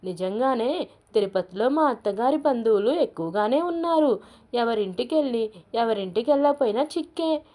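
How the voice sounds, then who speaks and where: A woman's voice: a little high, lively intonation, normal speed, dark tone. Woman reading a humorous story.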